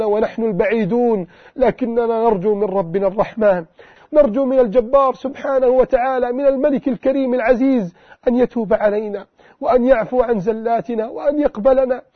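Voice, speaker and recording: High-voiced man pleading in a sermon. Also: no echo. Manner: pleading, with repeated invocations. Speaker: preacher. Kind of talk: emotional sermon and supplication. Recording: tinny phone-like lo-fi audio.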